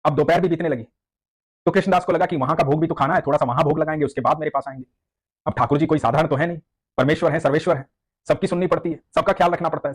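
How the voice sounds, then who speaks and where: A man narrating a devotional story in an earnest, vivid storytelling way. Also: a little high.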